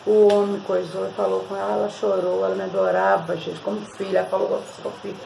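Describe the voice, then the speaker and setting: A woman's voice: medium pitch, fast talker, gravelly, mellow, slight background noise, poor audio. A Brazilian woman vlogger, chatting with her viewers as she tells a story and shares a hair-care tip. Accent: Brazilian Portuguese. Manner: chatty, constantly addresses viewers.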